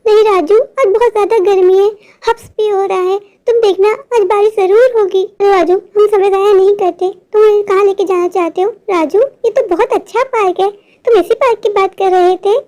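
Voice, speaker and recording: A worried little cartoon girl, voiced by a woman, pleading and fretful all the time. Her voice sits very high, as young as a small child's. She sounds cautious and anxious about everything. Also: fairly even intonation, normal speed, warm tone. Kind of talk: animated cartoon voice acting.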